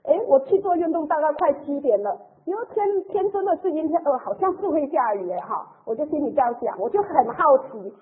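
A woman shares a heartfelt faith testimony in a high voice. Her telling is emotional and chatty, with soft sentence-final particles. The sound is thin and tinny, like a phone line played over the radio. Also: animated, a little fast, few pauses. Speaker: church member giving testimony.

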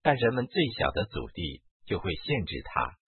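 A man with a deep, very husky and breathy voice reads a spiritual memoir aloud in a measured first-person manner, his pitch rising and falling widely. The sound is dry and tinny, as if through a narrow-band line. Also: big pitch swings, no echo. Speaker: reader.

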